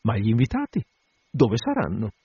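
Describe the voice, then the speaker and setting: A man's voice: medium pitch, huge pitch swings, normal speed, warm tone, slightly rough, no room sound, muffled recording, exaggerated voice. A man voicing a proud, bewildered noble marchioness in a storybook reading. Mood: dignified. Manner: dignified, puzzled.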